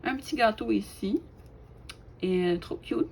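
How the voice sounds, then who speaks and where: A woman, casually showing off her craft collection, chatty and hesitant with lots of fillers and soft laughs. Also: mid-range voice, unhurried, creaky, slight background noise. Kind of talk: casual show-and-tell.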